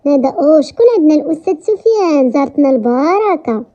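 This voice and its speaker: A woman's voice: sits high, animated, quick pace, dark tone. A woman with a Moroccan accent voicing a playful, cheerful young dressmaker in a romance story. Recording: dull lo-fi recording.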